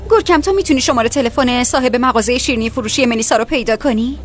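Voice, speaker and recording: A woman voicing a sharp-tongued, hurt young heroine in a dubbed TV drama, speaking with sarcasm. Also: fairly high pitch, soft background music, natural voice. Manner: sarcastic, biting.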